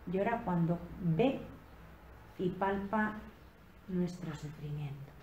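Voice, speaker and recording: A woman giving a slow, reflective sermon on a Gospel passage at a retreat, rising in emphasis on key phrases. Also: lowish voice, a little mellow, lo-fi sound. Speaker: preacher giving a retreat talk. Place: convent retreat room. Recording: echoey room with faint background noise.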